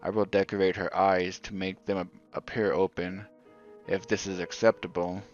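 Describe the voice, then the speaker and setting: A man voicing a tall, bearded, middle-aged photographer with a German accent, speaking in a formal, measured and polite way. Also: sits low, flat delivery, natural voice. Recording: dull lo-fi audio, faint music.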